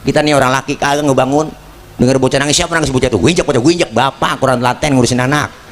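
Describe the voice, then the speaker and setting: A man's voice: medium pitch, very fast, a little hiss or hum. A man giving a joking sermon, talking straight to the crowd. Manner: joking, lively, addresses the crowd directly. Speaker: preacher. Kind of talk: comedic sermon.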